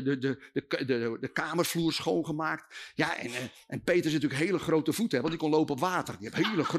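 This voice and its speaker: A man from the Netherlands, preaching a comic storytelling sermon, animated and jokey. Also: a little high. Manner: animated, jokey, acting out voices.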